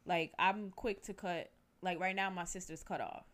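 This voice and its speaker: A woman's voice: lowish voice, steady tone, moderate pace, a bit bright. A young woman in casual chat, blunt and emphatic, swearing freely and leaning on filler phrases.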